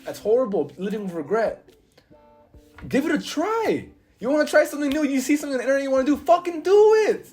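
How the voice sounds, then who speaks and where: Young guy in his twenties, high voice, swears a lot, motivational vlog over soft music. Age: 20s. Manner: casual, blunt, swears often, emphatic. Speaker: vlogger. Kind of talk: motivational monologue.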